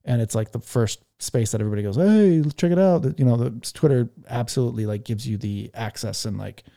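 A man's voice: lowish voice, little pitch movement, fast, gravelly, mellow. A man hosting a podcast, telling stories in rambling casual chat full of fillers. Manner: rambling, filler-heavy storytelling. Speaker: podcast host. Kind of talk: casual chat on a live audio room.

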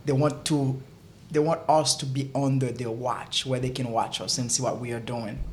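A young Haitian man, a guest in a casual interview, speaks haltingly and often repeats words as he searches for them. His pitch is medium with fairly even intonation, and there's slight background noise.

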